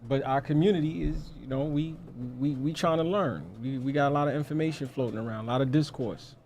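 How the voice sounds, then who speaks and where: A man speaking quietly and modestly as a guest, halting and repeating himself, a little far from the mic. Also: fairly high pitch, slight background noise. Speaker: guest, rapper's mentor. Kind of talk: casual interview chat.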